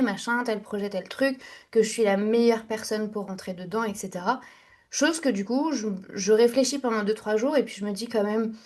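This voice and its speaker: A young woman appears as a guest on a podcast, recounting her story in a candid, chatty casual interview, with fillers and restarts. Her voice is a little high and a little mellow.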